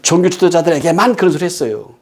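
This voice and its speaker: A man preaching a sermon, who talks emphatically, asks rhetorical questions and moves between loud stresses and quiet storytelling. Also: on the high side, lively intonation, fast.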